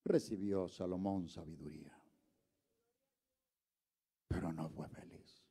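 A man preaching a sermon, swinging from quiet murmurs to shouts and calling on the congregation to answer him. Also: sits low, steady tone, slow pace, gravelly, husky. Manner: calls on the congregation to respond.

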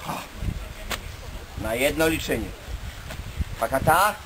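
A man's voice: on the high side, animated, slow. A man leading a karate class, calling out counts and commands and correcting students in a stern coaching manner. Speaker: karate instructor. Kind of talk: barking drill commands and counts. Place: outdoor training camp with a group. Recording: noisy outdoor camera audio with group.

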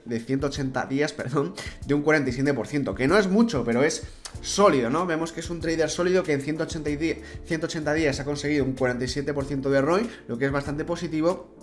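A young man with a Spanish accent from Spain, hosting a screen-recorded crypto tutorial, chatty and speaking straight to viewers with frequent restarts. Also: fairly high pitch. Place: indoor room.

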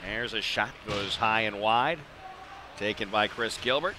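In an indoor ice arena, a man with a fairly low voice calls a hockey game live, radio-style, in clipped phrases sprinkled with chatty asides. His pace is unhurried, and there's noise in the background.

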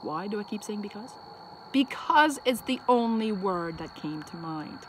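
A woman's voice: mid-range voice, expressive, unhurried. A woman chatting casually for an outdoor vlog, thinking aloud and interrupting herself as she goes. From Acadian Canada. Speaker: vlogger. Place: outdoors on a bridge over water. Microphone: phone set on the bridge. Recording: noisy outdoor phone recording, traffic, insects.

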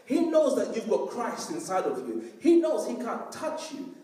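A man's voice: extremely high pitch, sing-song, normal speed, mellow. A man preaching a sermon as pastor, emphatic and often checking that the congregation understands. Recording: very echoey room, voice from far off.

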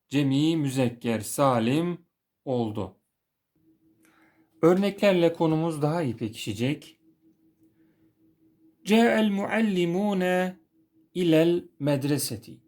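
A man giving a recorded grammar lesson, explaining slowly and deliberately and often repeating key terms. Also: a little high, darkish tone. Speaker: Arabic grammar teacher.

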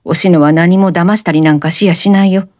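Woman doing a young man, gentle, earnest, hushed and reassuring, mellow voice, dry sound. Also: fairly low pitch, steady tone, a little fast, dry recording, close to an everyday voice. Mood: soothing.

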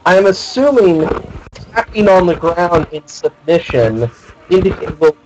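A man's voice: high-pitched, measured pace, dull audio. A man playing a tabletop game over voice chat, describing his character's wrestling moves with lots of restarts. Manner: excitable, stumbling restarts while describing moves. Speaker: player. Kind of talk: casual tabletop game play.

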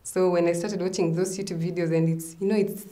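A young woman answers interview questions about her work in a relaxed, easygoing way. Her voice sits fairly low, and she laughs readily. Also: a little fast. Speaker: makeup artist guest.

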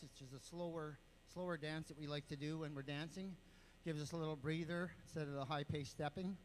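Male event announcer, fairly high voice, patient step-by-step explainer, faint noise behind. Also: darkish tone, rough recording. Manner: patient, step-by-step, counts out rhythms. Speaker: dance group spokesman and announcer. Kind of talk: explaining dances to an event crowd. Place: indoor powwow event.

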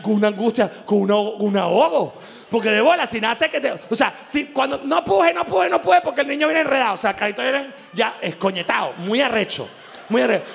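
A man with a Venezuelan accent doing an animated, crude stand-up comedy monologue, acting out little voices as he goes. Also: very high-pitched, creaky, a little hiss or hum. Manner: animated, crude, laughs often, acts out voices. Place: live show venue.

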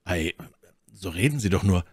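A man voicing a phlegmatic musketeer who speaks quietly and measuredly. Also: deep voice, expressive, moderate pace, husky, no echo, studio quality. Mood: hushed. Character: calm, phlegmatic older musketeer, low and hushed.

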